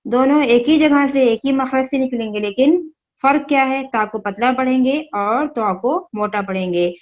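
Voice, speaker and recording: A woman teaching Quran reading, spelling out each word letter by letter and explaining the rules in a slow, patient way. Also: high-pitched, muffled recording.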